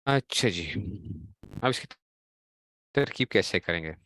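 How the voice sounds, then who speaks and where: Deep-voiced man teaching a class. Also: expressive, a little slow, fairly bright tone. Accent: Pakistani Urdu. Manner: explains in a question-and-answer style, quizzing students. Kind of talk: classroom grammar lesson.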